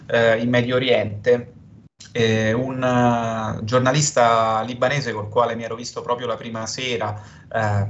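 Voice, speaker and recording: A man working as a field correspondent, giving a live remote news report from Lebanon over a call line in a measured, analytical way. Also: medium pitch, a bit bright. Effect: heard over a remote call line. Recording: muffled lo-fi call line with faint noise.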